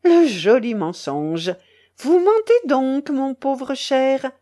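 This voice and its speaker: A woman's voice: sits high, big pitch swings, slow pace, mellow, voice pushed up, heavily acted. A woman voicing a cold, capricious noble duchess who teases and commands a baron. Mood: mocking. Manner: imperious, mocking.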